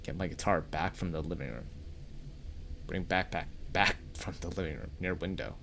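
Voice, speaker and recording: A man's voice: sits low, moderate pace, gravelly, heavy background noise. A man streaming a game live, chatting with viewers and swearing as he plays. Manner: chatty, cursing, greets chat between reactions.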